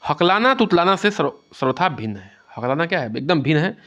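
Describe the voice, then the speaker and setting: A man's voice: on the high side, big pitch swings, fairly quick, a bit bright. A man giving an exam-prep lecture and explaining things with a lot of repetition, often asking "theek hai". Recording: dull lo-fi sound.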